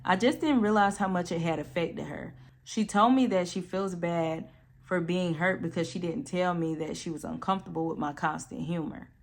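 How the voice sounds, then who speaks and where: A woman reading forum posts aloud in a calm voice, then reacting with blunt, sassy commentary. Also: on the low side, normal speed. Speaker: storytime channel host.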